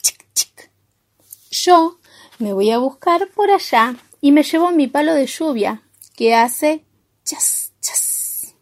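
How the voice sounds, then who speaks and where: A woman voicing a kind, calm friend character who speaks gently and soothingly, with an Argentine accent. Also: high-pitched, unhurried.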